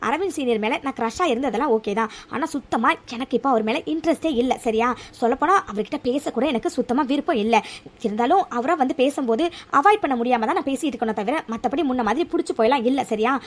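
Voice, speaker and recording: A woman voicing a young college woman who is confused about love and snaps at her friends in a cartoon story. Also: sits high. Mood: angry. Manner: fast, exasperated, rising to anger.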